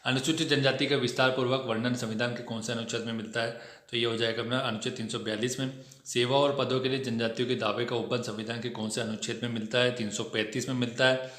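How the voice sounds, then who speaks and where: Guy going through test answers fast and chatty, bright sharp voice, echoey room. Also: medium pitch, little pitch movement. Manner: brisk, chatty explaining with frequent "ठीक है" check-ins. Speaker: exam coaching teacher. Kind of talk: test discussion lesson.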